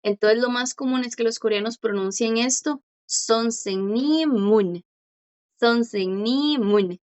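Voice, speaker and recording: A woman teaching a language class online, patiently explaining and slowly repeating words for her students. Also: on the high side, steady tone, smooth, dull audio.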